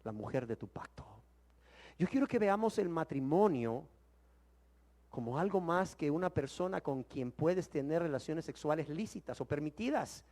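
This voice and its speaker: A man teaching the Bible in sermon style, emphatic and full of rhetorical questions, swinging from loud exclamations to hushed words. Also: on the high side, lively intonation, normal speed.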